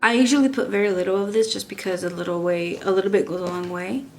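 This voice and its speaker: A woman's voice: medium pitch, steady tone, fast, a little mellow, faint music behind. A young woman from Texas, chatting casually through a makeup review and rambling with lots of likes and restarts. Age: young adult. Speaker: beauty vlogger.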